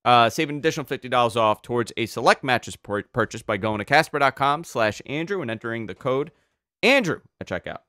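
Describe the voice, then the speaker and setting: A man hosting a podcast, telling stories in an animated way and repeating words when he gets excited. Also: mid-range voice, quick pace, no echo, clean studio sound. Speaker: podcast host. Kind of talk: casual podcast chat.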